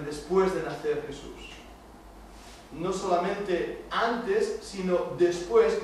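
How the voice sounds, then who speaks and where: A middle-aged man from Spain with a high voice gives an emphatic Bible lesson, firing rhetorical questions at his listeners. He is picked up from a distance in a very echoey church hall. A faint hiss sits underneath. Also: a little mellow. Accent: Spain Spanish. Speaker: church youth teacher. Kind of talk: Bible study lecture to youth. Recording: echoey room, distant mic, faint noise.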